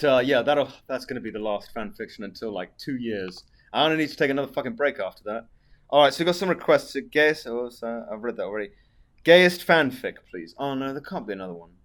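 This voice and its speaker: Man, posh British accent, medium pitch, casual livestream chat, dry delivery, swearing, reading out messages. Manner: sweary, dry, tag questions. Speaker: live streamer.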